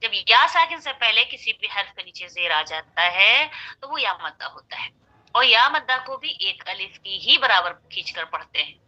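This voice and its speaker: Woman teacher spelling out recitation syllable by syllable, very bright voice, dull phone-ish sound. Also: on the high side, big pitch swings. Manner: patient, spells syllables slowly and repeats them. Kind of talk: spelled-out Quran recitation lesson.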